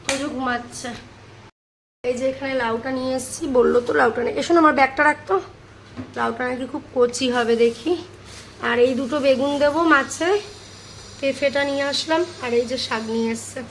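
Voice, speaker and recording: High-voiced chatty woman vlogging her cooking. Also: a little hiss or hum, rough recording. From India. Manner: chatty, narrates each kitchen task to viewers. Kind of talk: casual cooking vlog narration. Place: home kitchen.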